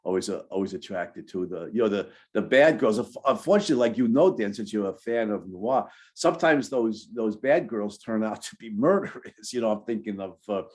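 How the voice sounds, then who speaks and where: A man, a novelist being interviewed, answering casually in a halting way that repeats words while he thinks. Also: fairly low pitch, animated, a little mellow. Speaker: novelist guest.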